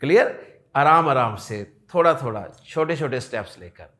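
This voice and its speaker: A man with a Pakistani Urdu accent teaching an Arabic grammar class. He explains in a lively way, repeats word endings aloud and jokes with his students. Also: mid-range voice. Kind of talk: classroom lecture.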